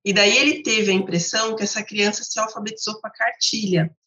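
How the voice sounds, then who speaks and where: A woman's voice: medium pitch, brisk, sharp tone. Brazilian woman educator, didactic teaching talk, echoey room, slightly muffled sound. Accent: Brazilian Portuguese. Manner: didactic, repeats points with contrasts. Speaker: literacy educator. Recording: roomy, slightly dull sound.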